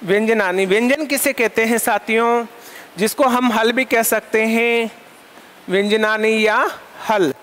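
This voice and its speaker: A male Sanskrit lecturer teaching a class, asking questions and answering them himself, repeating terms in lists and dictating definitions slowly for notes. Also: sits high, steady tone, fairly bright tone.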